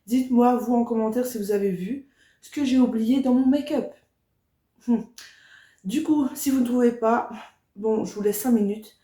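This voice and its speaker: A young woman chatting casually and enthusiastically to her viewers in a get-ready-with-me video, speaking softly to a camera set up at a distance. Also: fairly high pitch, normal speed, long pauses. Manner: soft-spoken. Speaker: beauty vlogger. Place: indoor room. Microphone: camera standing at a distance. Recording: very echoey room, voice far from the mic.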